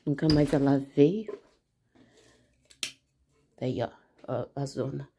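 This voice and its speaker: A woman's voice: extremely low pitch, fairly even intonation, takes it slowly, dark tone, slight background noise. A middle-aged woman talking straight to her viewers in a casual home vlog, emotional and tearful. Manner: chatty, talks straight to viewers. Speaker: vlogger.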